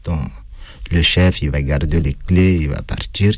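A man with a foreign accent speaks in a very low, slow voice. He gropes for words, stops often and fills the pauses with hesitant sounds. The sound is close and dry, with no room echo. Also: a little mellow. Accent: foreign accent in French. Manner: hesitant, halting, many pauses and fillers. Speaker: interviewee recounting time in prison. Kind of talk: casual spoken testimony.

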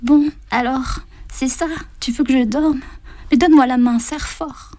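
A woman voicing a frail, dying old mother who speaks in a faint, breathy murmur to her daughter. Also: high voice, fairly even intonation, unhurried, dark tone, dry recording, voice pushed up. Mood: tender, faint.

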